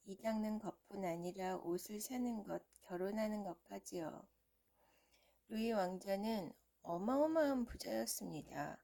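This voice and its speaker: A woman's voice: medium pitch, creaky, dark tone. A woman reading a storybook aloud to a young child in a storytelling manner. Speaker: storybook reader.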